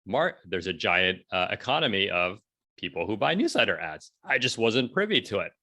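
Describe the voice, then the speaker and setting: An entrepreneur and blogger in his forties is the guest in a casual conversational interview. His voice is on the low side and his pace moderate. He tells stories with animation, acts out quoted dialogue, and often checks in with "right?".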